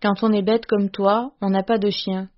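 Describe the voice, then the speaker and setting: A woman reading the lines of a sharp-tongued young wife who scolds her husband, in a scornful, bossy way. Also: medium pitch, flat delivery, moderate pace, highs cut off, natural voice.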